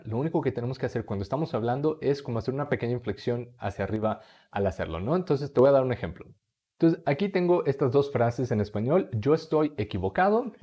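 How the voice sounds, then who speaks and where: Patient man teaching, mellow voice. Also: mid-range voice, muffled recording. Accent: Mexican Spanish. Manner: patient, repeats phrases slowly for learners. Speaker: English teacher. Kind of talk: explaining lesson to viewer.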